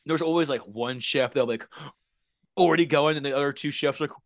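A man's voice: on the high side, fairly quick, no room sound. A young man hosting a casual podcast chat, ranting with lots of swearing and laughter. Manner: animated, swearing, laughing rants. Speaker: podcast host.

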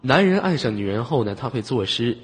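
A man's voice: medium pitch, sing-song, fairly quick. A man hosting a live online voice chat, bantering and teasing callers in a joking way, often chuckling as he talks. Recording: noisy, long hall-like reverb on the mic.

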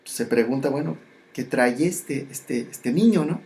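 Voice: mid-range voice, a little mellow. Reflective spiritual speaker. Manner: slow, repetitive phrasing with many pauses and restarts.

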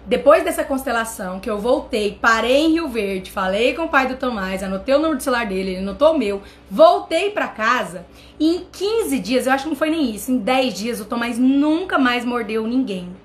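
Brazilian woman w/ a high voice, animated, chatting a personal story to her viewers. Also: fairly quick. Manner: animated, addresses viewers directly. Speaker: channel host.

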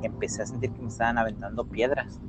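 A man's voice: medium pitch, fairly even intonation, fast, over music. A man with a Mexican accent telling paranormal stories in a casual chat, acting out quotes and sound effects. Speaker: storyteller guest.

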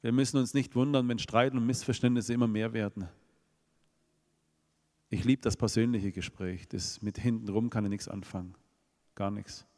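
A man's voice: fairly low pitch, fairly even intonation, normal speed, pauses often, a little mellow. A man with a Swabian accent preaching a sermon, asking the congregation rhetorical questions. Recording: long reverb of a hall.

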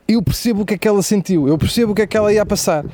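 Young European Portuguese man, stand-up host, fast and high-pitched, profane and animated. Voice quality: profane, animated storytelling with asides. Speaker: comedian host. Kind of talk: stand-up comedy monologue.

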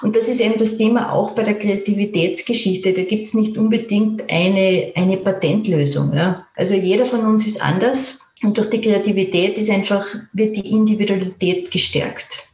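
Calm woman in a roomy space. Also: mid-range voice, normal speed, few pauses, a little hiss or hum. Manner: calm, gentle, with fillers and restarts. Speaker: creative therapist guest. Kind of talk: guided imagery, then interview answers. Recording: roomy echo.

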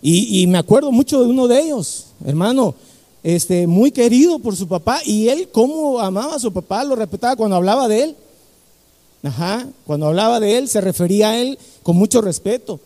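A man's voice: high-pitched, lively intonation, normal speed, warm tone, in a large hall. A man preaching a fervent sermon, repeating key phrases and calling the congregation 'brother'.

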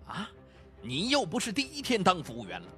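A man's voice: high voice, huge pitch swings, normal speed, sharp tone, faint music behind, exaggerated voice. A man voicing a stern male store manager who scolds and barks orders. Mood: scolding.

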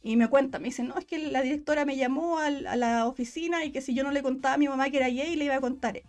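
Fast-talking Chilean woman telling a story. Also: sits high, faint music behind. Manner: fast, slangy, animated storytelling with voiced quotes. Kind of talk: casual storytelling chat.

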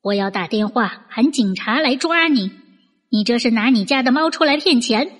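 Woman voicing a gruff bearded drinks seller, lowered voice. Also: expressive, normal speed. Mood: angry, accusing. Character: bearded male drinks seller, gruff but soft-hearted. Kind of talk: children's bedtime story character. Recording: long reverb with music bed.

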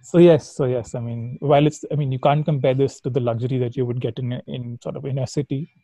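Male interview guest, Indian accent, relaxed soft-edged tone, informal storyteller, very dry sound. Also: mid-range voice, quick pace, dry recording, poor audio. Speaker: guest, trekking company founder.

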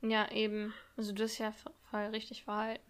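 A woman's voice: medium pitch, completely flat delivery, a little fast. A young woman chatting casually, backing up her friend with reflective, slangy comments. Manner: supportive listener, reflective and slang-heavy. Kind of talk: casual chat.

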